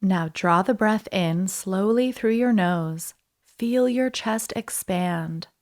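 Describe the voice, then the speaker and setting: A woman guides a breathing meditation as an instructor. Her pace is very slow and soothing, with space between short phrases. Her voice sits at a medium pitch for a woman. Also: a little mellow. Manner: soothing, unhurried instruction with pauses.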